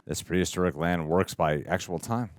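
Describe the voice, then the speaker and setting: A man's voice: deep voice, moderate pace, over music. A man hosting a reaction video, talking casually with dry, wry asides. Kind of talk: casual commentary and sponsor read.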